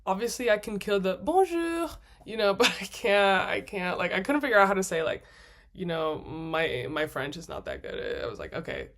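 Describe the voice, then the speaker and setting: A woman's voice: lowish voice, big pitch swings, fairly quick, a bit bright. A woman vlogger telling a travel story in a casual, gushing way, laughing often and acting out her own thoughts in quoted asides. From United States. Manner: chatty, gushing, laughs often mid-sentence.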